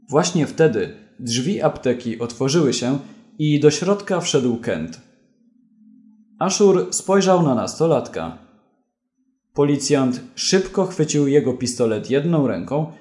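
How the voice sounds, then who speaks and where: A man narrating a story in a slow, deliberate, clear reading. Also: medium pitch, very animated, darkish tone, roomy sound.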